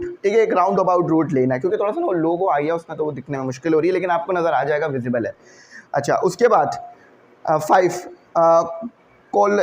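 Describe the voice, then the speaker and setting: A man leads an English vocabulary lesson, explaining each word slowly, checking in with "okay," and putting questions to the class. His voice sits high with a darkish tone, and there's slight background noise.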